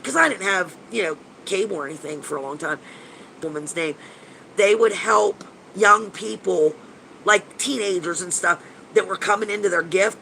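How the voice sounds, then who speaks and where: This fifties-aged paranormal investigator hosts a live chat, casually answering viewers on a livestream. His voice is bright, pressed forward, a bit high for a man, stuffy and nasal, with creak. He rambles, gushes, swears casually, and keeps restarting sentences over a faint hiss and poor audio.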